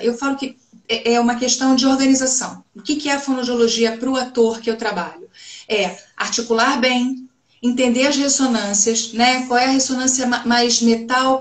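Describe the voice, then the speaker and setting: A woman with a Rio de Janeiro accent talks through voice technique as a speech therapist, pausing to demonstrate examples. Her voice sits fairly high, and the room around her rings with echo. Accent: Rio de Janeiro Portuguese. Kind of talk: conversational interview.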